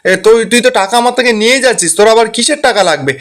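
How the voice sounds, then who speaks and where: একজন পুরুষ ফোনের অপর প্রান্তের এক লোকের কথা ব্যঙ্গের সুরে বলছেন।. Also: male voice, extremely high pitch, quick pace, fairly bright tone, voice pushed up. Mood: scornful. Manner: mocking, dismissive. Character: scornful man on the phone.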